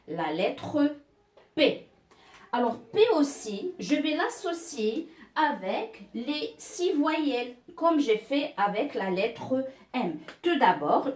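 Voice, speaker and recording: A woman's voice: sits high, darkish tone, echoey room, distant mic. A woman teacher giving a beginner reading lesson, patiently sounding out letters and syllables one by one. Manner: patient, spells out syllables slowly.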